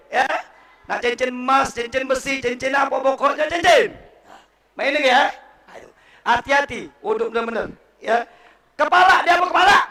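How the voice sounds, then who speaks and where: A man preaching at a mosque to school students with a Palembang accent, animated and quizzing his listeners, correcting their recitation. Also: very high voice. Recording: echoey room, voice from far off.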